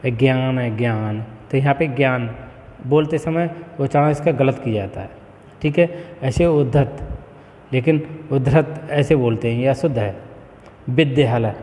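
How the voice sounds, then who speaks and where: A man teaches in a slow, deliberate way, spelling words out one by one and tagging points with a quick "okay." His voice sits at an ordinary middle pitch. A long reverb trails after each phrase. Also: mellow. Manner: slow, deliberate word-by-word explanation with frequent "ठीक है". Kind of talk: spoken lesson.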